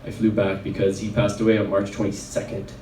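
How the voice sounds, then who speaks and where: A man's voice: fairly low pitch, monotone, brisk, dark tone, a little hiss or hum. A man, telling a personal story at a wellness event in a casual, rambling way full of fillers. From Red Deer, Alberta, Canada. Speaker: chiropractor speaking at a wellness event. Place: event venue. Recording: roomy sound from a distant mic.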